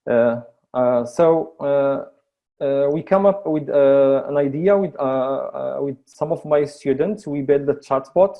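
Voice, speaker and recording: A man from Morocco with a North African accent giving a webinar presentation in halting, hesitant English, often repeating words. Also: medium pitch, gravelly, dull audio. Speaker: AI researcher and lecturer presenting projects.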